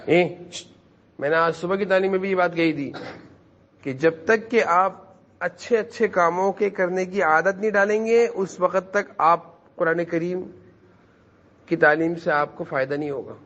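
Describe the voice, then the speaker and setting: A man's voice: sits high, fairly bright tone, dull audio. A man teaching a class of children in a madrasa, who repeats his points and keeps quizzing the kids to answer. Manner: repetitive, questions the children and urges them to answer.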